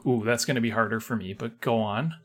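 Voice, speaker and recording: A man's voice: medium pitch, fairly even intonation, fast talker. A man co-hosting a casual podcast, wry and easygoing, laughing along with his partner. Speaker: podcast co-host.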